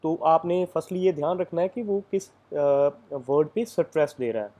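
A man's voice: on the high side, moderate pace, warm tone. A man giving a casual lecture as an exam coaching teacher, explaining step by step with frequent fillers.

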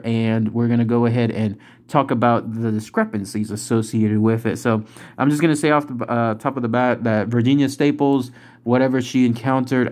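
A man's voice: medium pitch, a little mellow. A middle-aged man hosting a cryptid video, narrating casually over still images in a conversational, rambling way with fillers.

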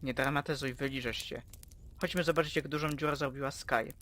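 A woman voicing a bossy, lazy boy team leader in a lowered, sneering voice for a parody cartoon dub, with music behind. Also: fairly even intonation, a little fast, fairly bright tone. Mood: commanding.

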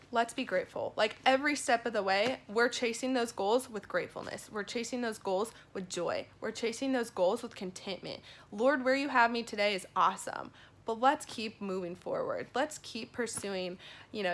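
A woman's voice: fairly high pitch, fairly bright tone. A young woman gives a casual motivational talk to camera in an earnest, emphatic, informal way. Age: young adult. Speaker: vlog host giving an encouragement message. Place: small indoor room at home. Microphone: phone at arm's length.

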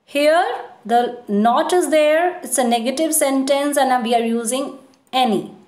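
A woman's voice: high voice, measured pace, a little mellow. A woman teacher explaining grammar step by step, repeating points and checking in with her students. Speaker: school teacher. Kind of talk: grammar lesson. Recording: echoey room.

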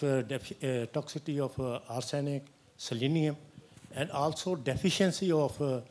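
Halting audience questioner. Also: male voice, mid-range voice, a little mellow. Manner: halting, many fillers. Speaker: audience member, agriculturist.

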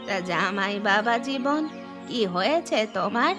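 This cartoon voice acting features a woman with a medium pitch and lively intonation, speaking slowly as a sorrowful, older, widowed mother-in-law who laments and scolds. Background music plays behind her studio voice.

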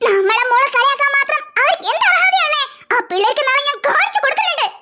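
A woman's voice: extremely high pitch, sing-song, fast talker, bright, forceful tone. A woman voicing a doting, protective young mother in a cartoon, talking in a fussy, indignant way.

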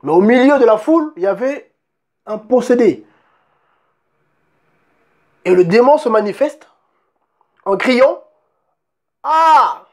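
High-voiced man preaching a sermon. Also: expressive, unhurried, pauses often, a little mellow. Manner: emphatic, keeps asking the listeners "voyez?"; repeats and restarts words as he preaches. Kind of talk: sermon with Bible reading.

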